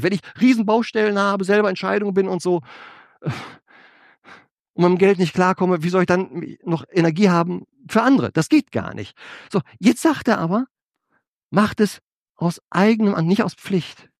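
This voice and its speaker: A man preaching a sermon, asking his congregation rhetorical questions and swinging between loud emphasis and quiet asides. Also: high voice, moderate pace, no room sound, clean studio sound. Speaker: pastor.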